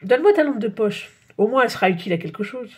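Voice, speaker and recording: A woman voicing a jumpy, blustering father in a storybook reading, loud and flustered. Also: on the high side, lively intonation, quick pace, slightly rough.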